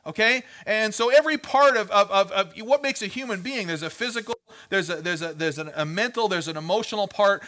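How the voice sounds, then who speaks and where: Brisk and forceful, a pastor's high, bright voice rushes on with hardly any pauses. He teaches in a conversational style, frequently checking on his audience and repeating words as he works through his thoughts.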